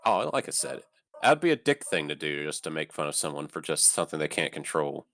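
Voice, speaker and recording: A man leading a casual group chat in a halting, rambling way. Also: a bass voice, sing-song, fairly bright tone, dry recording, clean studio sound. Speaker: leads the group conversation.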